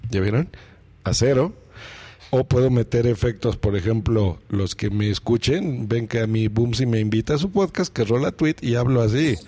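A man's voice: mid-range voice, moderate pace, few pauses, warm tone. Man explaining mixer settings. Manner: explaining step by step while demonstrating. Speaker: podcast host. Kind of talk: how-to tutorial. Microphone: microphone through a mixing desk.

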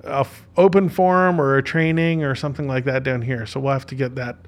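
A man's voice: medium pitch, steady tone, fairly quick. A man hosting a casual podcast interview, talking in a chatty, jokey, informal way. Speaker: podcast host. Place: podcast studio.

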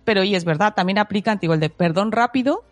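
A woman in her thirties chatting about parenting, telling stories with animated acted-out quotes. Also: mid-range voice, quick pace, dry recording, faint music behind. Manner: animated storyteller, acts out quotes with laughter. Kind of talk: casual parenting chat.

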